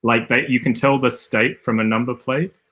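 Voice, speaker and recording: A man's voice: mid-range voice, level tone, normal speed, fairly bright tone. An Australian man casually commentating a livestream while he plays, rambling and thinking aloud with frequent self-corrections. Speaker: game design streamer.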